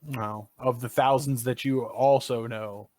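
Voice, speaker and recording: A man co-hosting a gaming podcast, talking casually, opinionated and animated, and he swears often. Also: medium pitch, measured pace, no room sound. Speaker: podcast co-host. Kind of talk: casual chat.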